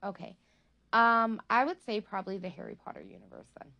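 A woman chats casually as a guest, giggly and quick to poke fun at herself. Her pitch swoops up and down in a very animated way. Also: vocal fry, lo-fi sound. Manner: giggly, self-deprecating. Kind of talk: casual chat.

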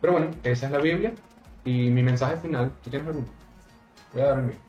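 A man hosts a casual podcast, speaking bluntly and with emphasis, swearing freely. His voice sounds mid-pitched for a man. The recording is roomy and slightly dull, with faint music underneath. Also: fast, a little mellow. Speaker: podcast host.

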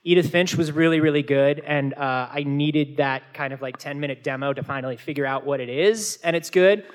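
A man's voice: fairly high pitch, brisk. A man hosting a live podcast panel at a convention, rambling and jokey with plenty of filler. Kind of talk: casual comedic banter.

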